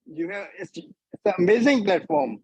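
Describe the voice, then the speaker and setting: A man's voice: sits high, animated, normal speed, slightly rough, dry recording, highs cut off. A man in his seventies from Myanmar on a group video call, talking in an effusive, formal and grateful way. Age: 70s. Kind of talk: casual chat.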